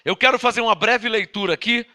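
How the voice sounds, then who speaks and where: A Brazilian pastor in his fifties, with a Brazilian Portuguese accent, teaches a sermon from the Bible, talking fast in a high, sharp voice. He leans on emphatic repetition and puts questions to his listeners.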